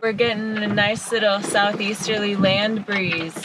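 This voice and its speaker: A woman's voice: mid-range voice, flat delivery, measured pace, heavy background noise. A woman in her thirties chatting casually as a sailing vlogger. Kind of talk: casual vlog chat. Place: aboard a small sailboat at sea. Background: music and boat engine.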